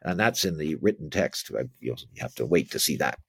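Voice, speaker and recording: Male history lecturer, husky and low, dry close sound, rambling delivery. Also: expressive, a little fast, no room sound. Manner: rambling, with many restarts and asides. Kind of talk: informal spoken lecture.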